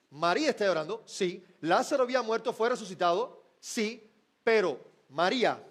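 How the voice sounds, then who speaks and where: High-voiced male preacher. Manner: rhetorical questions prompting the congregation to answer. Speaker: pastor. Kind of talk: sermon.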